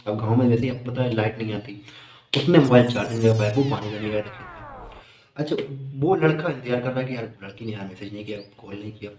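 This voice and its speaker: A man's voice: fairly low pitch, fast talker, dark tone, echoey room, faint music behind. A man doing stand-up, telling a long comic story in a chatty, amused way. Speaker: stand-up comedian.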